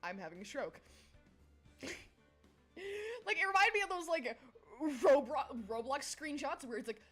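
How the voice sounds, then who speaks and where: Her voice sits high and sounds animated and a bit bright, though she keeps a measured pace. This young woman is streaming and chatting loosely with viewers, giggling and scattering between subjects while faint music plays.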